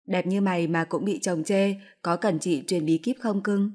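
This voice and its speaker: A woman's voice: fairly low pitch, fairly even intonation, normal speed, darkish tone, lightly acted. A woman voicing a smug young mistress who taunts in a storybook reading. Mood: smug taunting. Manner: mocking, triumphant.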